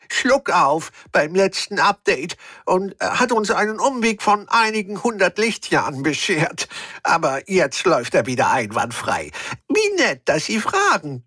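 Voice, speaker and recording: A man's voice: high voice, big pitch swings, a little slow, bright, forceful tone, dry recording, clean studio sound, exaggerated voice. A man voicing a nervous, evasive alien captain with a trunk, stammering and overly polite in an audio drama. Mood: flustered.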